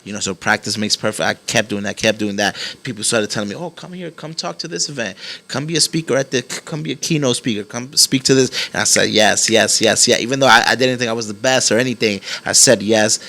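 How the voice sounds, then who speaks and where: Young guy on a podcast, crisp bright lowish voice, earnest, kinda trails off quiet at times. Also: quick pace. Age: 20s. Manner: earnest, reflective, often trails off softly. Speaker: podcast guest, entrepreneur. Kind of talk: casual chat. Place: graffiti-walled studio, indoors.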